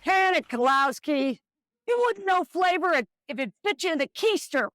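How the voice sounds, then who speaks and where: A woman's voice: very high-pitched, animated, normal speed, fairly bright tone, dry recording, clean studio sound. A woman playing a peppy, wisecracking school lunch lady heroine in a hammy comic skit, full of exclamations. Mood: brisk, sassy. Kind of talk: live comic audiobook-style skit.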